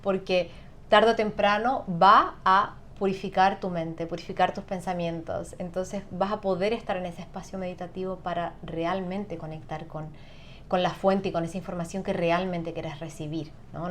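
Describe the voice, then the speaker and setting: Woman guest, low-ish voice, patient and explanatory; faint noise on the line. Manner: calm, explanatory, frequent tag questions. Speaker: sound therapist guest. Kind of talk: conversational interview.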